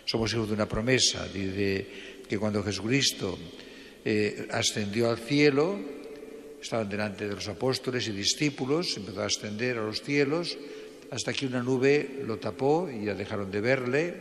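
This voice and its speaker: A man's voice: fairly low pitch, normal speed, a bit bright. A man with a Spanish accent from Spain preaches an informal homily as a priest, conversational, repeating phrases and adding questioning tags, with cathedral echo. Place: church, indoors. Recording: reverberant church, long echo.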